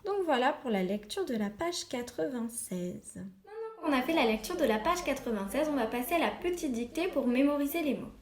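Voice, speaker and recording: A woman teaching a reading lesson and dictation to young children, articulating each word slowly and with stress. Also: high-pitched, sing-song, roomy sound. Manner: slow, carefully articulated, stresses each syllable. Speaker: primary school teacher.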